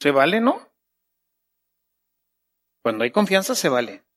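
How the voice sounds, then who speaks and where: A high-pitched man delivers a sermon at an unhurried pace. He slips into playful voices to act out prayers and then settles back into teaching. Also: big pitch swings, a bit bright. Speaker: preacher.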